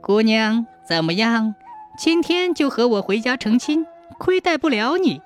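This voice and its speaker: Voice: medium pitch, animated, moderate pace, fairly bright tone, soft background music, natural voice. A storyteller voicing a lecherous, bullying male overseer in a folk tale, with a smirking, taunting manner.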